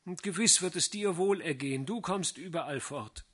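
A man voicing a young village man who speaks softly and tenderly, in an audiobook reading. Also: fairly high pitch, normal speed, voice pushed up. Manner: soft, tender, subdued. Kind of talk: audiobook character voice.

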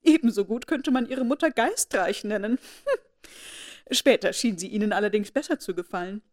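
A woman doing a snide, jealous young society lady from a storybook, belittling another woman with needling disdain, pitched a touch above the reader's usual voice and pressed louder as she sneers. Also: normal speed, natural voice.

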